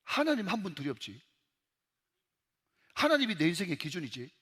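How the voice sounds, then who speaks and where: High, lively Gyeongsang pastor preaching. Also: male voice, moderate pace, husky, long reverb tail. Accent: Gyeongsang Korean. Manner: emphatic, repeatedly addressing the congregation. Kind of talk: sermon. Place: church sanctuary.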